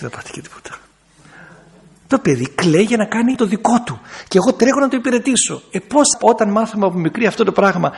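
A middle-aged man, an Orthodox priest, teaches a small group in a talky sermon. His voice sits high and has a gravelly rasp. He slips into quick impressions of the people he describes. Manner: teaching, acts out people in quoted bits. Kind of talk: talk to a group with questions.

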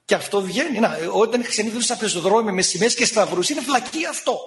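A man preaching a sermon in an animated way, sometimes scolding and acting out the voices he quotes. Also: sits high.

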